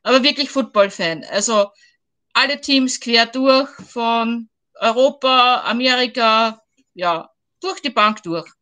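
A woman chats eagerly as a guest over a video call. Her voice sits high and sounds bright and forward. She talks in a lively, enthusiastic way. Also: slow. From Vienna, Austria. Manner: chatty, enthusiastic. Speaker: guest, football fan. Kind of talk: casual chat.

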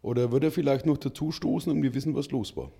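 Man, middle-aged, German accent, podcast co-host, gravelly, dark, rambling casual chat. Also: medium pitch, quick pace. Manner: rambling, chatty, says "ich sag mal" a lot.

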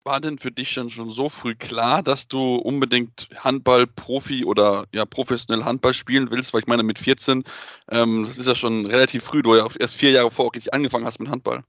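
A man's voice: mid-range voice, fairly even intonation, a little fast, fairly bright tone, dry recording. A man asking an interview guest follow-up questions in a plain way. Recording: dry, slightly muffled recording.

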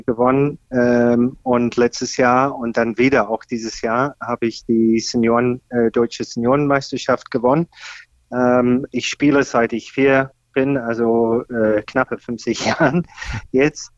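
This is a hesitant Australian guest in his fifties, a senior champion who teaches golf, speaking on a podcast interview with many pauses and fillers. His voice is mid-range and his tone steady. There's no room sound, though the recording comes across muffled.

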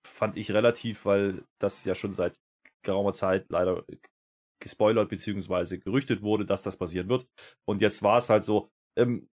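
A man co-hosting a wrestling review podcast, speaking in a measured, critical way with hesitant fillers. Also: lowish voice. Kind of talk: casual chat.

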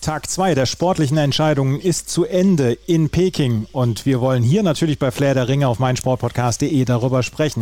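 A man's voice: mid-range voice, warm tone, dry recording. A man hosting a sports podcast, talking through results in fluent German with occasional fillers and restarts. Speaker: podcast host.

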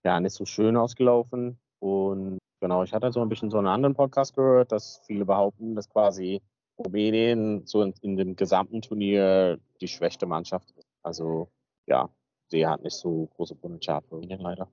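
Man, low voice, rambling co-host, dry muffled low-quality sound. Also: steady tone, moderate pace, mellow, no room sound. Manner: rambling, leans on fillers. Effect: low-quality, muffled recording. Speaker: podcast co-host. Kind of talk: casual chat.

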